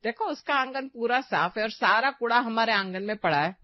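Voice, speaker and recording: A woman's voice: fairly high pitch, normal speed, no room sound, muffled recording, natural voice. Older mother-in-law, complaining and indignant, woman voicing. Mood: agreeing. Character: older gossiping mother-in-law, sides with daughter-in-law.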